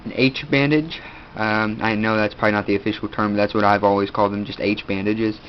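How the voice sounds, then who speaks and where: With a stuffed-up nose, a teenage boy hosts a video and casually shows his kit, his fairly low voice keeping a steady tone. He rambles haltingly, using many fillers. Faint room noise runs through the dull lo-fi recording.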